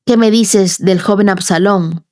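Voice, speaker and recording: Grieving old king lamenting his son , read by a woman: slow, lamenting reading, a little lower than her own voice, dry audio. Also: mellow, no room sound, close to an everyday voice. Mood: anxious.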